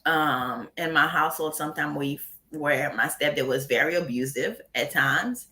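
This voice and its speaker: Blunt, bright-voiced woman from Haiti. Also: deep voice, moderate pace. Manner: blunt, candid, laughs often. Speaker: guest. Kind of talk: casual interview talk.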